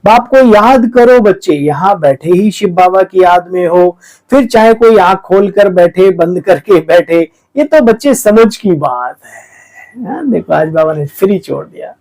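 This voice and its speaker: A man giving a lively spiritual sermon, exhorting his listeners and often calling them sweet children. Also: high voice, a little slow, poor audio. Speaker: spiritual teacher explaining the daily murli.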